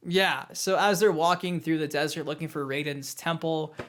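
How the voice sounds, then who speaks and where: An excitable young man giving a casual spoken movie review, his voice sitting high and bouncing around as he gets worked up. He jumps between fast asides and slower emphasis, and now and then he playfully imitates lines. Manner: excitable, animated, mimics quotes.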